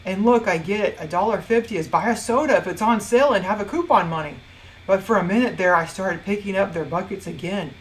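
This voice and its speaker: A woman's voice: medium pitch, brisk, slight background noise, low-quality recording. Wry woman telling a personal story. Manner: wry, self-mocking humor with dramatic swings. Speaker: motivational speaker and blogger.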